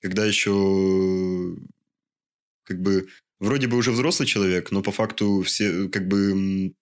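A man's voice: deep voice, steady tone, a little slow. A man in his twenties, an interview guest, answering in a hesitant way and searching for words with many fillers. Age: 20s. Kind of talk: casual interview conversation.

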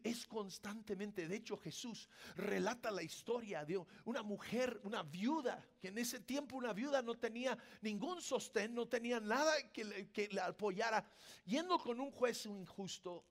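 Preacher guy, high gravelly voice, goes from soft murmur to yelling. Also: normal speed. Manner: swings from soft murmur to shouting. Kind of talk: sermon.

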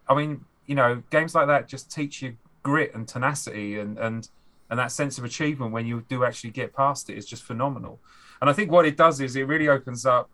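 A man's voice: medium pitch, fairly quick, pushed and bright. A man, a game designer guest on a podcast, talking animatedly and acting out players' reactions. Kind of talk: podcast conversation.

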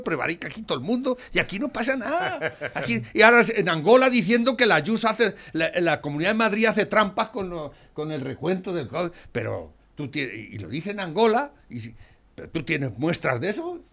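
A man's voice: fairly high pitch, very animated, brisk, vocal fry, a bit bright. A man co-hosting a radio chat show, ranting with indignation, swearing and tagging his remarks with "eh?". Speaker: radio co-host. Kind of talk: heated political radio chat.

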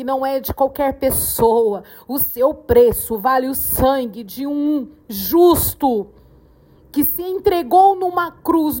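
A woman delivers a devotional podcast message, her voice sitting a little high. She preaches slowly and fervently, repeating her phrases for emphasis. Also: darkish tone. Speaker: podcast host, devotional speaker. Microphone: podcast microphone.

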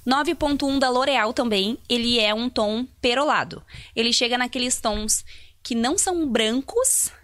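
A woman's voice: fairly high pitch, normal speed, fairly bright tone, dry recording. A woman, a salon colorist explaining toner choices to viewers in a live Q&A. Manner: explanatory, tutorial-like, addresses viewers.

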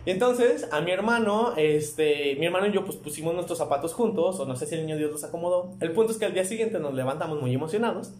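A man's voice: fairly high pitch, quick pace, few pauses, a little hiss or hum. A man with a Mexican accent chatting casually on a podcast, telling stories with lots of energy and easy swearing. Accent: Mexican Spanish. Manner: animated storyteller, swears casually. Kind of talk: casual chat. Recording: roomy echo.

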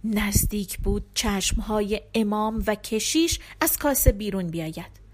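A woman narrating an audiobook in expressive, scripted storytelling. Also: mid-range voice.

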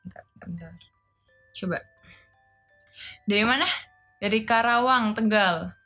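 A woman's voice: medium pitch, measured pace, pushed and bright, soft background music. A woman chatting casually on a live stream, playful and laughing often as she reads viewer comments aloud and tries simple Japanese phrases.

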